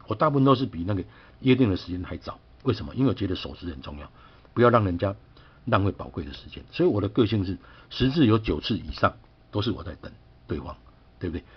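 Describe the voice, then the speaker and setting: A man's voice: low-pitched, very animated, fast, breathy edge, muffled recording. A middle-aged man telling a personal story in a chatty, aggrieved way, often asking his listener to agree. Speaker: vlogger.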